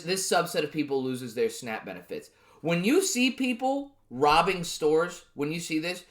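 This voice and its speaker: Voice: medium pitch, a bit bright. A vlogger in a heated, profane ranting monologue to camera, who repeats and restarts words when worked up.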